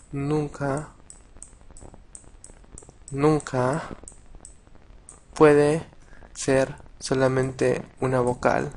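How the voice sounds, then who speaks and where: A man teaching a casual video lesson, patient and halting, with many restarts and repeated words. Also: medium pitch, vocal fry, darkish tone, a little hiss or hum. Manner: patient, addresses viewers directly. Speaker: language teacher.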